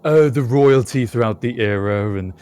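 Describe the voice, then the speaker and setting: A British man co-hosting a casual podcast chat, speaking in a thoughtful, measured way with frequent pauses and fillers. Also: mid-range voice, warm tone, smooth. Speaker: podcast co-host.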